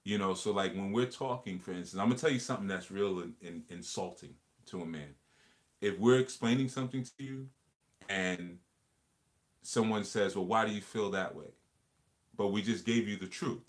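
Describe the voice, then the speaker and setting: A man with a lowish voice hosts a casual livestream discussion at a moderate pace. He speaks earnestly and reflectively, often repeating phrases as he builds a point.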